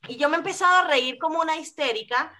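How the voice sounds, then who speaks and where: A woman with a Venezuelan accent chatting on a podcast, telling stories in a lively, crude way. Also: high-pitched, fast talker. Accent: Venezuelan Spanish. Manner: lively, vulgar, animated storyteller. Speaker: podcast co-host. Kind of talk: casual chat, storytelling.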